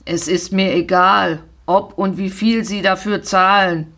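A woman's voice: medium pitch, steady tone, a little slow, a bit bright. A woman reading a storybook, voicing a harsh, curt middle-aged father who gives orders. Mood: stern, harsh.

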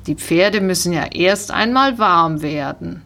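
A woman voicing a friendly, firm male riding instructor in a storybook, calmly giving commands. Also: fairly low pitch, measured pace, creaky, exaggerated voice. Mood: instructing.

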